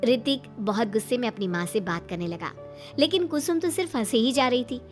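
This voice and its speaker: A woman narrating a cartoon story with an even, scripted storytelling delivery. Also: on the high side, a little fast, faint music behind.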